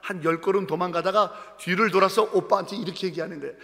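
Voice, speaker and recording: A man's voice: high voice, fast talker, creaky, bright, forceful tone. A middle-aged man preaching a sermon as senior pastor, fervent and emphatic, with repeated exclamations. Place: church sanctuary. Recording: long church-hall reverb.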